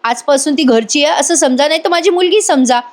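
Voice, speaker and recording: A woman's voice: high voice, brisk, voice pushed up, close to an everyday voice. A woman voicing a caring young wife who speaks earnestly and turns firm when defending a child. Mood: indignant.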